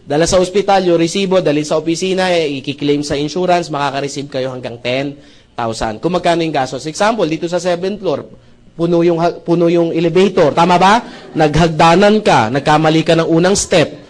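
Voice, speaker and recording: A man's voice: fairly high pitch, a little fast. A man giving a live sales presentation to an audience. He jokes, keeps checking in with the crowd, and mixes English phrases into Filipino speech. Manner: jokey, animated, often asks the audience "right?". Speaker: seminar speaker presenting a business opportunity.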